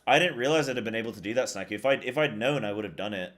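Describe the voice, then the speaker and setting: A man's voice: mid-range voice, lively intonation, racing, fairly bright tone. A man streaming live, chatting casually with viewers in a rambling, slangy way and repeating his phrases. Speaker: live streamer and esports caster. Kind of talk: casual livestream chat with viewers.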